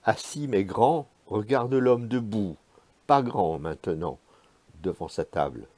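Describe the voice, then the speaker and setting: A man reading his own literary prose aloud in a measured, hushed, spare way. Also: lowish voice, expressive, no echo.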